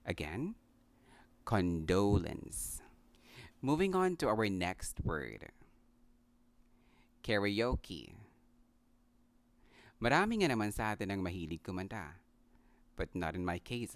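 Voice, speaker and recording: A man with a Filipino accent teaching English pronunciation, repeating each word deliberately and slipping in Tagalog phrases. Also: on the low side, dry recording. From Philippines. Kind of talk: pronunciation lesson.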